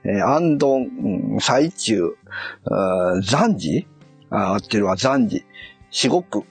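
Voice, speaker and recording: A man's voice: fairly low pitch, very animated, takes it slowly, husky, soft background music. A man on a casual live stream, muttering and puzzling aloud as he reads a kanji quiz and corrects himself.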